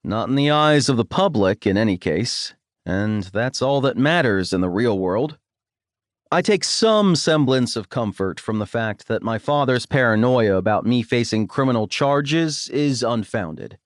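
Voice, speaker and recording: A man narrating a first-person romance audiobook in a wry, expressive storytelling manner on a studio microphone. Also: medium pitch, unhurried, no room sound.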